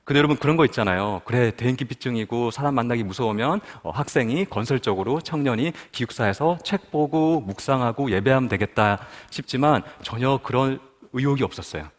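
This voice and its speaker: A guest speaker from Busan, South Korea recounts his personal testimony at a prayer meeting, questioning the audience as he goes. His medium-pitched voice moves a little fast with few pauses, and a long reverb tail follows it.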